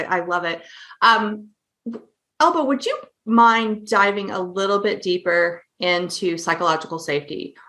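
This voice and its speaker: Bright-voiced woman hosting a panel. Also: lowish voice. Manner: affirming, asks follow-up questions. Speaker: host. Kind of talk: panel discussion.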